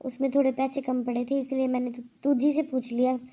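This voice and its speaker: A woman voicing a proud elderly aunt who scolds loudly and with indignation in a cartoon. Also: high-pitched, little pitch movement, a little fast, lo-fi sound. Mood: indignant.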